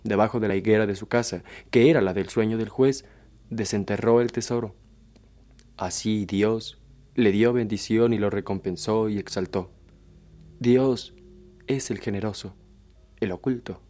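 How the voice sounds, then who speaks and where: A man reading a short tale aloud in a slow, measured, solemn storytelling manner. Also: lowish voice, fairly even intonation, warm tone. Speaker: narrator.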